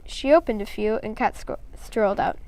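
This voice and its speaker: A woman's voice: mid-range voice, normal speed, a little mellow, slight background noise. A woman reading a first-person children's story aloud in a plain storytelling manner, with a few small slips.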